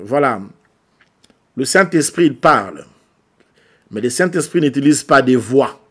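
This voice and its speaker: Male pastor, sermon delivery, repeats phrases for emphasis, shifts from soft to loud. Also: mid-range voice.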